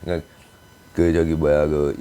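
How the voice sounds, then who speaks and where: Guy with a deep mellow voice rambling through political commentary, lots of ums and pauses. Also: little pitch movement, clean tone. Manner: musing and speculative, with frequent hesitations and fillers. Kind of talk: casual political commentary monologue.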